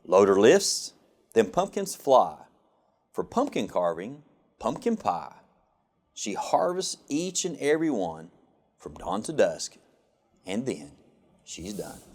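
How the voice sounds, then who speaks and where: A government official reads a children's picture book aloud in a lower-pitched, unhurried male voice. His phrasing is expressive and sing-song.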